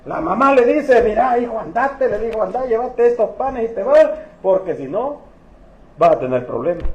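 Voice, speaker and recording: A man's voice: sits high, sing-song, moderate pace, lo-fi sound. A man preaching a sermon as pastor, retelling biblical stories with humor and acting out the characters. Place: church. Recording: echoey church hall.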